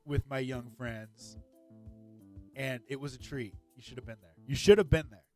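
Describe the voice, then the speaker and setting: With faint music in the background, a man co-hosts a casual gaming podcast, speaking at a normal pace in a medium-pitched voice. He's a comedian who tells stories with upbeat enthusiasm and plenty of joking.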